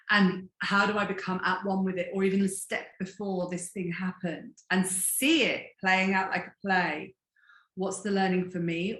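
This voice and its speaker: A woman wellness coach teaching in conversation, telling stories in an expressive, animated way. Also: mid-range voice, roomy sound.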